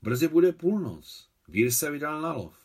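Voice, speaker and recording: A man's voice: on the high side, very animated, husky, voice pushed up, heavily acted. A man reading the lines of a proud young widow in his own voice, in literary audiobook style, with firm, clipped speech. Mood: calm.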